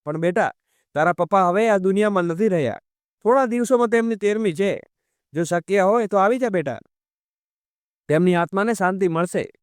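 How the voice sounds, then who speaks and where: A man's voice: high voice, normal speed, pauses often, clean tone, no room sound, clean studio sound, close to an everyday voice. Sorrowful pleading mother, read by a man. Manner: pleading, tender.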